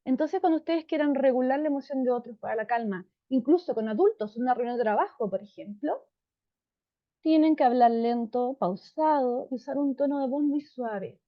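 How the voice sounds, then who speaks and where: A woman psychologist explains things to parents in a warm, calm, unhurried tone, often checking in with them. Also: sits high. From Chile. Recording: dull lo-fi sound.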